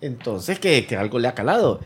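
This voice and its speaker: Animated husky man acting out scenes. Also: mid-range voice, fairly quick. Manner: animated, acts out sounds and slangy swearing. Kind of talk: casual movie review chat.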